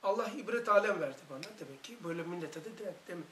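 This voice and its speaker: Fervent high-voiced man teaching in echoey room. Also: animated, fast talker, fairly bright tone, slight background noise. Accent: Turkish. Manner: fervent, emphatic, storytelling. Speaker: religious study teacher. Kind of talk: religious study circle talk.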